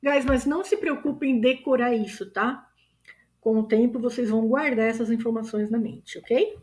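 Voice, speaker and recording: A woman's voice: fairly high pitch, steady tone, normal speed, darkish tone. A woman with a Brazilian Portuguese accent teaching English grammar, stretching out example words and checking in often with her learners.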